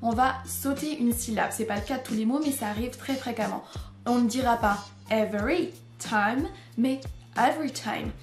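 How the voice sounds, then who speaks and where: Female teacher, native French, clear explainer; roomy echo, faint music bed. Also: fairly high pitch, steady tone, fairly quick, a little mellow. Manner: clear, explanatory, demonstrating English pronunciations. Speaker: English teacher. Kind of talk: scripted video lesson. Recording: echoey room with faint music.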